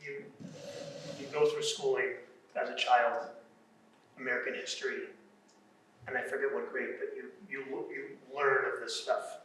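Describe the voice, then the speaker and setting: A man's voice: medium pitch, little pitch movement, moderate pace, pauses often, sharp tone, a little hiss or hum. Reflective man in his fifties or sixties, very echoey. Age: 50s-60s. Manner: reflective, rambling with restarts and repeated words. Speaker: panel participant. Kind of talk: panel discussion. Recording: very echoey room from far off.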